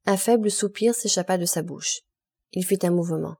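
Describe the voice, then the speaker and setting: A woman reads a classic novel aloud in a measured, steady narration. Her voice is mellow and warm. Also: lowish voice, vocal fry, breathy edge. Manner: measured literary reading. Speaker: audiobook reader. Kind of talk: scripted narration.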